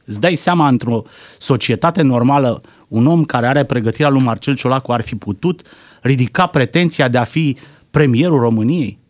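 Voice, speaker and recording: A man's voice: medium pitch, no echo. A man giving heated, indignant political commentary on a talk show, firing off rhetorical questions.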